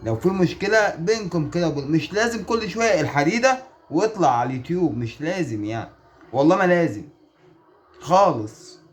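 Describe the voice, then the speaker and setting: Fast-talking exasperated Egyptian man. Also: on the high side, animated, a little hiss or hum. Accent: Egyptian Arabic. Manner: exasperated, pleading, full of rhetorical questions. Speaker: online sports commentator. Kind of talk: casual video commentary.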